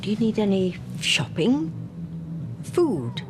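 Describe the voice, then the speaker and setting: An actress playing a kindly, solicitous neighbour in a TV soap. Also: female voice, medium pitch, huge pitch swings, takes it slowly, over loud music. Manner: gentle, solicitous. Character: kindly, helpful neighbour woman. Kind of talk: TV soap dialogue.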